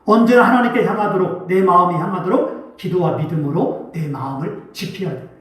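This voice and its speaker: A man's voice: high-pitched, brisk. A male pastor preaching a sermon with emphatic delivery, often asking the congregation questions. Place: church sanctuary. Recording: very echoey church from a distance.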